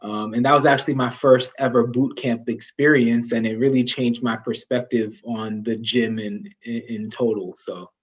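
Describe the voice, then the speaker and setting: A man's voice: medium pitch, flat delivery, normal speed, hardly any pauses. Brief: easygoing male guest on a live video chat, muffled audio. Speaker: guest, former gym member. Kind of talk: casual live-stream interview.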